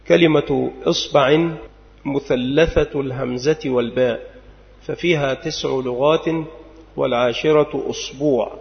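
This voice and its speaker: A man teaching a classical religious text, going slowly and deliberately and spelling out word forms one by one. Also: medium pitch, gravelly. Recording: lo-fi recording with long hall reverb.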